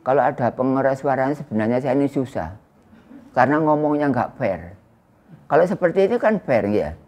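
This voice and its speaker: A man in his sixties with an East Javanese accent, giving an Islamic study lecture to a small indoor congregation in a loud, projecting voice without a microphone, chatting with his listeners. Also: medium pitch, expressive, a little fast. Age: 60s. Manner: conversational, teasing the audience. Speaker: religious teacher. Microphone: no loudspeaker or microphone used.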